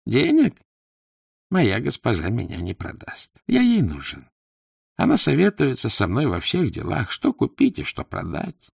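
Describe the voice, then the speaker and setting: A man's voice: mid-range voice, huge pitch swings, vocal fry, breathy edge, no room sound, studio quality, voice pushed up, heavily acted. A man voicing a plaintive, wheedling older male merchant held as a slave, sighing and complaining as he talks. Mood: boastful. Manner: whiny, sighing, fast-talking complaints.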